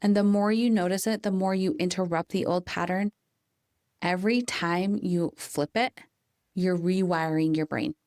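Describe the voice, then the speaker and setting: A woman with a fairly low voice delivers a calm, coaching motivational monologue as a podcast host. She leans on key phrases, slowing down to stress them. The recording is dry and close. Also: no room sound.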